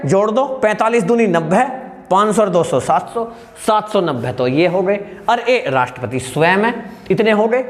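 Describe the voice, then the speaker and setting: High-pitched, animated male teacher. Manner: repeats questions and answers them, jokes with students; shouts at times to stress a point. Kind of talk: lively classroom lecture.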